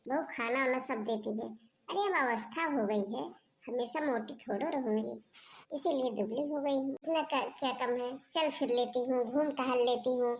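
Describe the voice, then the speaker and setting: A frail, modest older aunt in a cartoon, voiced by a woman. She talks slowly and plainly in a high voice. A faint hiss sits under the speech. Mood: calm. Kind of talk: cartoon dubbing.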